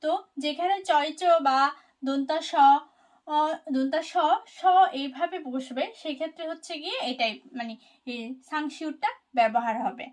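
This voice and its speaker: High pitched lady teacher doing an online class, says example words slow and careful, some ums. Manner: repeats example words slowly and deliberately. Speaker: language teacher. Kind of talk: explanatory online lesson.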